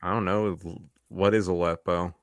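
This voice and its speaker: A young man co-hosting a podcast, trolling in deadpan irony. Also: low voice, moderate pace, clean tone, no room sound. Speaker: podcast co-host. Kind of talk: casual chat.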